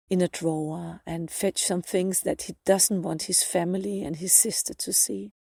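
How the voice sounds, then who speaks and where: A woman hosting a podcast, her voice low and gravelly with a mellow, dark tone. She retells a personal spiritual experience earnestly, in the present tense, circling back to repeat her phrases. The sound is close and dry, with no room echo. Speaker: podcast host.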